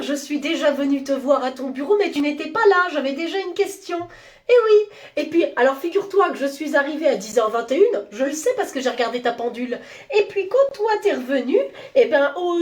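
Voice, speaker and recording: A woman acting in comedy sketches, fussy and nitpicking in her lines. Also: sits high.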